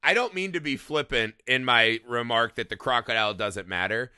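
A man's voice: medium pitch, moderate pace, bright, forceful tone, clear, resonant tone, no room sound, clean studio sound. A man co-hosting a podcast, chatting casually about a movie, swearing freely and tagging "right?" onto his points. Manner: swears a lot, says "right?" often. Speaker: podcast co-host.

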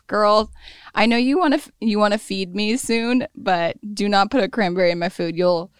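A woman hosting a podcast in casual interview chat, playful, firing off quick questions and laughing often. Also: medium pitch, clean tone, no echo, clean studio sound. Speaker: podcast host.

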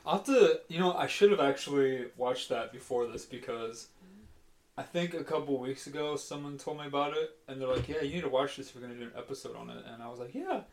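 Male podcast host, casual chat, teasing, laughs a lot, mid pitch. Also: fast talker, a little mellow, roomy sound.

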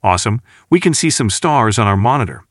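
A man reading the part of a woman military captain in an audiobook, barking short orders in a brisk, commanding way. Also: fairly low pitch, sing-song, dry recording, clean studio sound.

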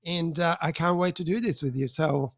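A man's voice: a little high, normal speed, dry recording. A man in his fifties from Switzerland, an enthusiastic interview guest who talks with many fillers and restarts. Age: 50s. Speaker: podcast guest, mentor. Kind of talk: conversational interview.

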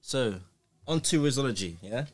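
A man's voice: medium pitch, animated, moderate pace, background noise. A young man hosts a podcast in casual, slangy chat. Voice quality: urban street slang delivery. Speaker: podcast host.

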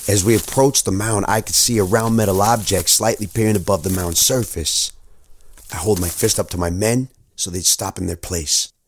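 A man's voice: fairly low pitch, fairly even intonation, a little hiss or hum, lightly acted. A man playing a young soldier, telling his war memories in the first person, earnest and stammering. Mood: haunted. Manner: earnest, halting with stammered repeats. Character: young male soldier recalling war, haunted. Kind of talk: first-person dramatic story narration.

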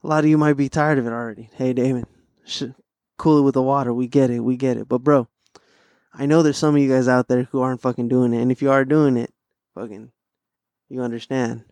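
A man's voice: medium pitch, steady tone, fairly quick, darkish tone, clean tone, no echo. A young man, audibly stoned, rambling in slangy, sweary, laid-back podcast chat and repeating himself. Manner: profane, repeats phrases. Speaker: podcast host.

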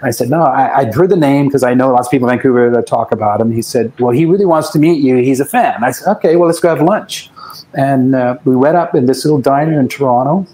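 A man's voice: medium pitch, fast talker, warm tone, low-quality recording. A man, a guest musician, telling rambling anecdotes in a casual interview, often restarting his sentences.

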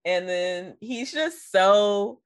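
A woman's voice: mid-range voice, animated, extremely slow, smooth, dry recording, clean studio sound. A woman co-hosting a casual movie review chat, retelling scenes with laughs and acting out the characters' lines. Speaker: podcast co-host.

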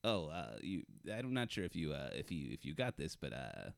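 A man's voice: a bass voice, big pitch swings, normal speed, gravelly, clean tone, dry recording, heavily acted. A man voicing a tiny greedy fly, bumbling and boastful, stammering through improvised comedy. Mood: sheepish, boastful. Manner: stammering, hesitant bluster.

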